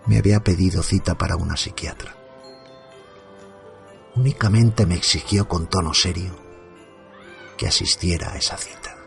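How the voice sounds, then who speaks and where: In a creaky, low-sitting voice, a man narrates a first-person horror tale as a tormented father haunted by evil. Faint music plays behind his somber, measured, dramatic telling, and the mood stays subdued and gloomy.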